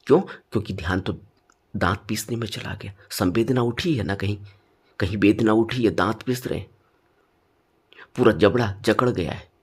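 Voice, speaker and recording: A man teaching meditation in a spoken dharma talk, stressing points with sudden rises and then dropping low. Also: moderate pace, pauses often, breathy edge.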